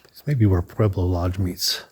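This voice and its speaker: A man's voice: deep voice, normal speed, darkish tone, slightly rough. A man casually narrating a walking tour of a building, chatty and thinking aloud with restarts, a bit out of breath. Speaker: vlogger touring a building. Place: indoor hallways and large rooms.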